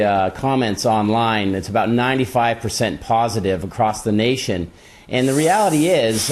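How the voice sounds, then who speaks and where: A middle-aged man speaks as a candidate being interviewed. His voice sits at an ordinary male pitch, and he explains his points earnestly and conversationally, staying on message. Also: darkish tone. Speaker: political candidate interview guest.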